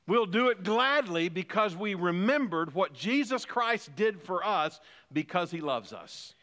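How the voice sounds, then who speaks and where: In a large hall, a pastor in his fifties preaches a sermon, building emphasis through rising, repeated phrases. His voice is high-pitched, animated, pushed and bright, and he speaks a little slowly.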